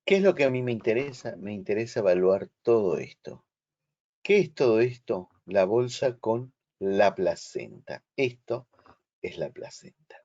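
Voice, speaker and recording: Slow, low-voiced man teaching online. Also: animated, a little mellow, muffled recording. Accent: Rioplatense Spanish. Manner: slow, explanatory, checks understanding. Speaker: instructor. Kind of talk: online lecture. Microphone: video call.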